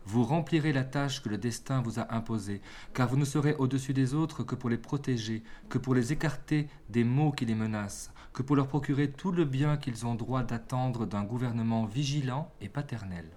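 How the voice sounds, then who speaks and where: A man's voice: medium pitch, moderate pace, dark tone, close to an everyday voice. Guy reading as a dignified queen bee in a storybook fable, giving a moral talk. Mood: solemn. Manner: solemn, moralizing. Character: queen bee, stately, instructive.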